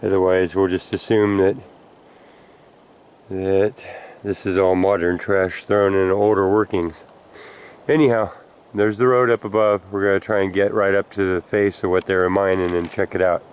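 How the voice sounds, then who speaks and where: A man's voice: low voice, flat delivery, moderate pace, clean tone. A man exploring a hillside, rambling and thinking aloud as he climbs, at times out of breath, recorded on a handheld camera mic outdoors. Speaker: explorer vlogger.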